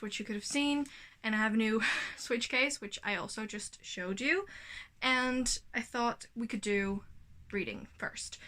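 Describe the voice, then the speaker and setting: This Dutch-speaking book vlogger in her twenties has a slightly high, sharp voice. At home, she gives a gushing, chatty reading update, correcting herself as she goes in a casual vlog style.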